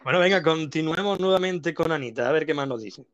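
A man's voice: a little high, brisk, a bit bright, dry recording. Man co-hosting, close dry sound. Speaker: co-host. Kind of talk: casual chat.

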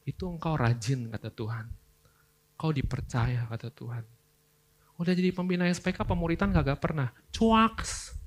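A young man, preaching a lively youth sermon, swinging between loud outbursts and quiet earnest asides. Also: fairly high pitch, moderate pace. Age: young adult. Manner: casual slangy Jakarta-style delivery.

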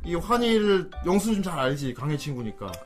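A high-voiced man hosts a casual chat with animated swings in pitch, loudly teasing his guest and laughing often. He swears freely and talks over music playing behind the conversation. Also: fairly quick. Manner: loud, teasing, swears a lot, bursts of laughter. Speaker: host.

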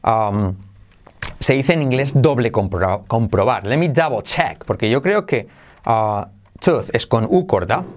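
Animated man teaching English. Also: mid-range voice, unhurried. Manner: animated, switching between Spanish and English, sings snatches of songs. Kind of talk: lively English lesson.

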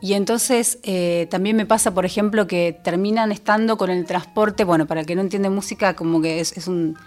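Over soft background music, a singer-songwriter with a Rioplatense Spanish accent reflects on her songs in a relaxed interview. She speaks a little fast at medium pitch, her voice a little mellow with fairly even intonation. Her talk is thoughtful, with frequent fillers and restarts.

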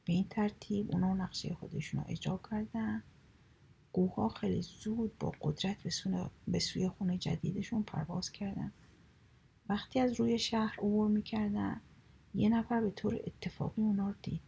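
Husky woman reading a children's story. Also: medium pitch, fairly even intonation, dark tone, low-quality recording.

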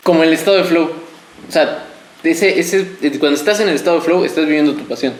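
A man's voice: on the high side, a little fast. A man, a podcast co-host in casual chat, who stops and repeats words as he thinks. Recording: echoey room.

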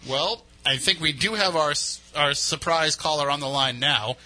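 Male talk host, somewhat high voice, sharp bright edge, casual chatty delivery. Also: normal speed. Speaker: radio host and paranormal lecturer. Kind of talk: casual talk-show chat.

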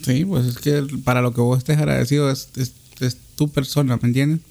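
A man telling a casual story, animated and repeating "brother" often. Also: mid-range voice, brisk, creaky.

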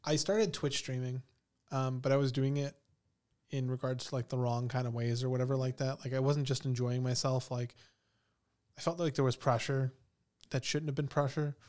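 A man's voice: mid-range voice, level tone, normal speed, a little mellow. A man hosting a podcast, easygoing and chatty, often answering with short agreeing replies. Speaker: podcast host. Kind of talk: casual podcast chat.

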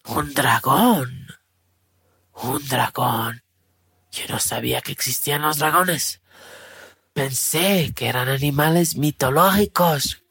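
A woman voicing a grumpy, ancient male crocodile who talks slowly and pleads for help. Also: deep voice, a bit bright, slightly rough, dry recording, studio quality, pitched below the performer's own voice, full character voice. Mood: astonished.

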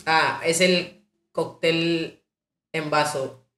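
A young woman hosts a casual conversation. She tells stories in a slangy, animated way. Her voice is heard in an echoey room. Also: sits low, very slow. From northern Mexico. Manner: slangy, expressive storyteller. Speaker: podcast host. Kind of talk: casual chat.

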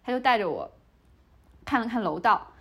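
A woman's voice: a little high, moderate pace. A young woman, a podcast host, telling a story in casual chat and acting out the dialogue as she goes. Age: young adult. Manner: lively retelling, playing out the dialogue.

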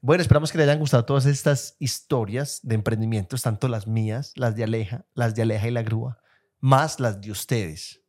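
A man's voice: mid-range voice, fairly quick, darkish tone. A man co-hosting a casual podcast, who gushes, repeats himself and calls the others "amor". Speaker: podcast co-host.

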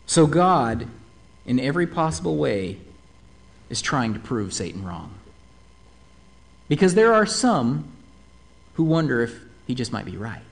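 A man preaching a sermon, animated and fond of asking his listeners rhetorical questions. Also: mid-range voice, a little slow, gravelly, pauses often.

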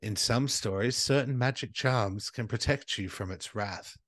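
A man's voice: medium pitch, a little slow, no room sound. A man co-hosting a casual podcast, reading out an urban legend and breaking into crude jokes. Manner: reads notes then jokes loudly, crude banter. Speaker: podcast co-host.

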